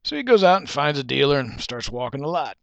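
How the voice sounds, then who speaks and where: A man's voice: mid-range voice, very animated, fast talker, gravelly, a bit bright, no room sound, dull audio. A man delivering a preachy, lecturing monologue that he illustrates with a parable. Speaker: monologue speaker.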